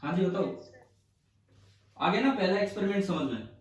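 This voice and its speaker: A man's voice: sits high, lively intonation, moderate pace. A male physics teacher lecturing a class, explaining step by step and firing questions at his students. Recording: echoey room, from far off.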